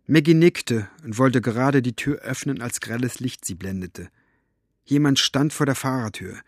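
A man narrating an audiobook in a measured, even storytelling manner. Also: mid-range voice, dry recording, clean studio sound. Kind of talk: audiobook reading.

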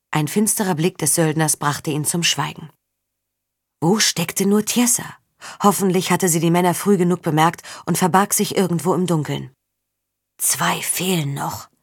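A woman reading a story aloud as an audiobook narrator, steady and even. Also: fairly low pitch, no room sound, studio quality. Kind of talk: scripted narration.

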